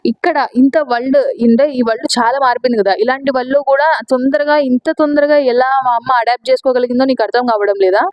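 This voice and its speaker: A woman with a Telugu accent narrating a comic recap in a quick, chatty way, mixing in English words and retelling the characters' lines in her own voice. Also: high-pitched, no room sound, dull audio. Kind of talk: casual spoken recap narration.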